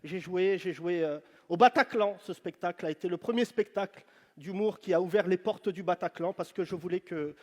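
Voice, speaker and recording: A stand-up comedian with a strikingly high voice works the crowd, teasing people loudly. He talks into a handheld mic on a big stage. The live show carries a long reverb from the hall. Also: moderate pace. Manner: teasing, loud banter with the audience. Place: large venue on stage.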